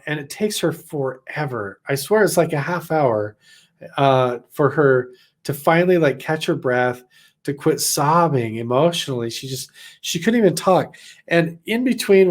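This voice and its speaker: Man from Idaho, casual storyteller, rambling with lots of "like", mid-range voice. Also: mid-range voice. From Idaho, USA. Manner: rambling, many "like" fillers, acts out quotes. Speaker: vlogger recounting a personal experience.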